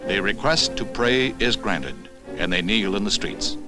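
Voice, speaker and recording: A man narrating an old 1960s newsreel in a formal, measured announcer's delivery. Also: on the low side. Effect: old newsreel voice-over. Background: music score under the narration.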